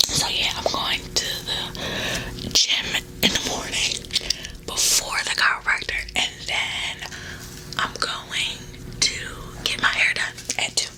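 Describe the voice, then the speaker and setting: A woman's voice: slow pace, rough recording. A woman whispering a casual, confiding ASMR storytime in an informal, chatty way while chewing gum. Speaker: ASMR video creator.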